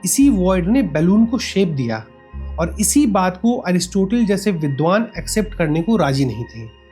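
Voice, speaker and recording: A narrator delivers a scripted history lesson with a lively, rising and falling pitch. The explanation moves step by step, with rhetorical questions to the listener and frequent switches into English phrases. Faint music plays underneath the voice-over. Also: moderate pace. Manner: switches often between Hindi and English phrases. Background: faint background music.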